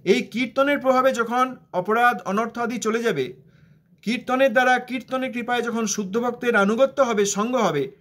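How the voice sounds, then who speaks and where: A man's voice: extremely high pitch, normal speed, fairly bright tone. A man with a Bengali accent giving a devotional discourse, explaining scripture and asking rhetorical questions. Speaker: religious teacher.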